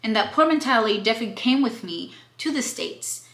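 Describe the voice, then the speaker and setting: A woman's voice: a little high, animated, a little fast, a bit bright. A woman in her late twenties from Cuba, talking candidly in a casual vlog book review and slipping in playful slang. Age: 20s. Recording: roomy echo.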